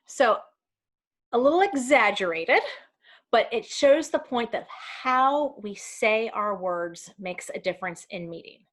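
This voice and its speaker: A woman presents an online workplace training over a video call. She talks through her slides in a relaxed, conversational way, pausing on ums and correcting herself as she goes. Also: a little high. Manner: casual, with frequent ums and self-corrections. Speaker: community education trainer.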